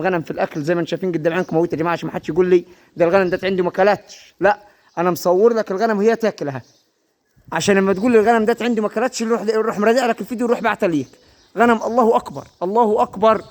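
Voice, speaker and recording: High-pitched, rapid-fire Upper Egyptian street-vendor hawker. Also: male voice. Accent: Upper Egyptian Arabic. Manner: chanting, repetitive hawking with repeated praise phrases. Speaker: livestock seller presenting sheep for sale.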